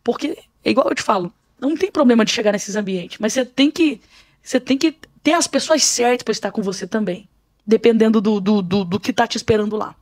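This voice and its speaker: A woman's voice: on the high side, fairly quick, darkish tone. A woman, a podcast guest telling a spiritual testimony and acting out the scenes she describes. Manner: vivid storyteller, acts out scenes.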